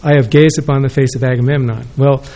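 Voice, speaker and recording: A mellow, medium-pitched man talks fast and in a steady tone as he gives a rambling response full of self-corrections. He's at a podium microphone during an academic conference, facing an audience in a conference room.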